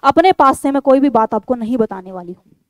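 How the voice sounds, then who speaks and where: A woman with a high, bright-pitched voice coaches a group of exam candidates, speaking directly to them. She is firm and insistent, and she hammers home each point by repeating it. The sound is close and dry, with no room echo. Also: expressive, a little fast. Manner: addresses viewers as a group. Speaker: online exam-prep tutor. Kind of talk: direct-to-camera instructional talk.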